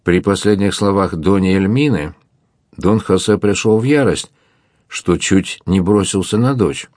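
Deep voiced guy reading a book, steady and even, dry sound. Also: measured pace, no echo. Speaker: audiobook narrator. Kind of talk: audiobook narration.

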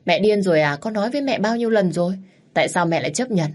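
A woman's voice: medium pitch, expressive, quick pace, a little mellow, lightly acted. A woman voicing an exasperated young woman on a phone call with her mother in an audio story.

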